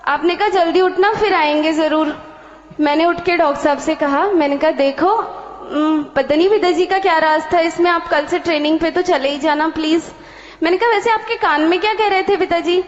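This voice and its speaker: A devotee with a high voice shares a personal testimony with a spiritual leader, acting out the exchanges in animated detail with many quoted lines at a moderate pace. Her voice rings through a large hall with a long echo, and the sound is a little dull and muffled.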